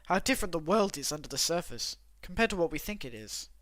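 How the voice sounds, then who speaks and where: A man's voice: on the high side, sing-song, fast talker, a bit bright, no echo. A young man voicing a thoughtful male cafe customer from a game in a cowboy drawl, musing as he reads the lines aloud. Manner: reflective, musing. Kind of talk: reading game dialogue aloud.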